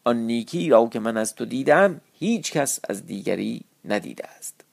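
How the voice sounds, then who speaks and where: A man voicing a loyal, devoted male innkeeper in a classical storybook tale, in a gravelly voice. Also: medium pitch, expressive. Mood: earnest.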